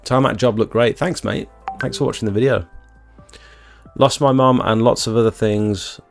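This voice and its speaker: A British man in his thirties, an exterior cleaning tradesman, hosts a casual livestream from a small bedroom that doubles as his office. His mid-range, gravelly voice keeps a steady tone at normal speed as he rambles, reads out comments and answers them, with faint music behind.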